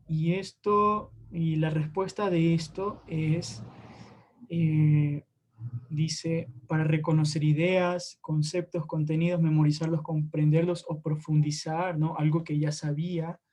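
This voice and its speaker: A man's voice: a little high, darkish tone. A man teaching an online class, talking in a hesitant way with tag questions to his students. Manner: hesitant, many fillers and restarts, tag questions.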